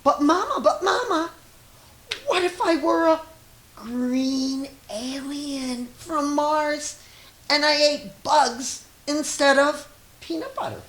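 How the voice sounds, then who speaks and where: A woman's voice: high voice, slow, a bit bright, voice pushed up. A woman voicing an imaginative little boy from a storybook, pleading emphatically with his mama. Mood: eager, questioning. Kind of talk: storybook character voice. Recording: roomy echo with audible hiss.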